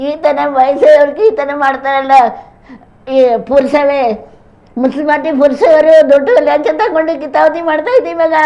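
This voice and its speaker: A woman in her seventies with a Malayali accent, crying and pleading in a faltering, repetitive way. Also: high voice. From Kerala, India. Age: 70s. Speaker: elderly complainant. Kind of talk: emotional plea to a reporter. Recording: dull lo-fi news audio.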